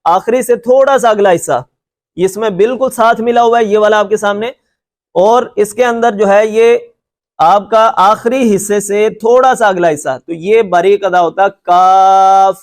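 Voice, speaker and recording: A man's voice: high voice, steady tone. A man teaching Quran recitation in a lecture, patiently repeating points and stretching out letter sounds to demonstrate them, with a reassuring tone. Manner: reassuring and encouraging. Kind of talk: classroom lecture with slides.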